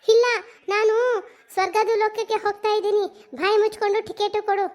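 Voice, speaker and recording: A performer voicing a sharp-tongued, hot-tempered young village woman who scolds in a shrill cartoon voice with a Mysore Kannada accent. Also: flat delivery, brisk. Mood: angry scolding.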